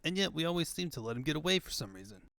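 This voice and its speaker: A man performs a young heroic cartoon hedgehog. He sounds cocky and brisk, with very animated intonation. The recording is dry and close. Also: a little high, vocal fry, no echo, heavily acted. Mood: breezy. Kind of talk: comic book fan dub.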